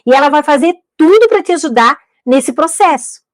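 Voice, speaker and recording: A woman's voice: high voice, animated, normal speed, dry recording. A middle-aged woman, giving an instructional talk to teachers, emphatic and repeating key points with rhetorical questions. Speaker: educator teaching literacy teachers.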